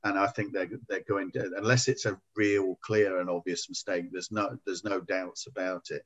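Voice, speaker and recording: A man and former player giving measured, hesitant opinions on a football podcast, with frequent ums. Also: low voice, fairly even intonation, fairly bright tone, muffled recording.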